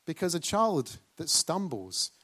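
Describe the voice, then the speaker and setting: A man's voice: a little high, big pitch swings, measured pace, bright, forceful tone. A man preaching a sermon, questioning and urging the congregation.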